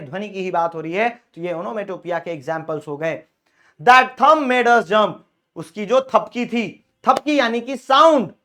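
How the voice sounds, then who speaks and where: A man with a Hindi accent teaching an exam-prep grammar lesson, explaining each point in Hindi and reading the English examples out slowly. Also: high-pitched, a bit bright.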